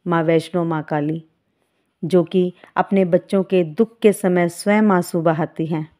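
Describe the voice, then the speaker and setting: A woman with a low, mellow voice gives a devotional talk to her followers. She speaks calmly and in a motherly way, addressing listeners as children. Her delivery is warm and unhurried. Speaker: devotional channel host and spiritual guide.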